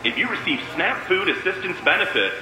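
A man playing a supermarket announcer speaking over a store loudspeaker, in a formal public-address delivery for a scripted radio ad. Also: high voice, big pitch swings, brisk. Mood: announcing. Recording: echoey store PA with background music.

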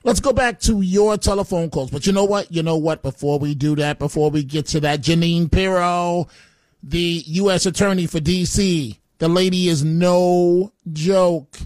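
A man's voice: high voice, normal speed, a little mellow, no echo, clean studio sound. A man hosting a talk radio show, delivering a chatty, combative opinion monologue with frequent fillers.

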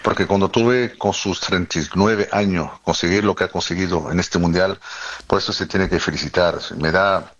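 A man with as his talking casually about football, halting often and restarting his sentences. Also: low voice, steady tone, muffled recording. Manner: halting, many restarts and fillers. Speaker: guest commentator.

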